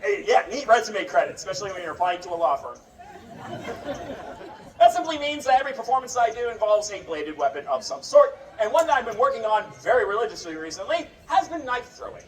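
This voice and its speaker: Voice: medium pitch, very animated, fast. A sword swallower giving comic live stage patter to a festival crowd, with a showman's wry, joking banter. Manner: sword swallower's showman delivery addressing onlookers. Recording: roomy, distant mic with crowd noise.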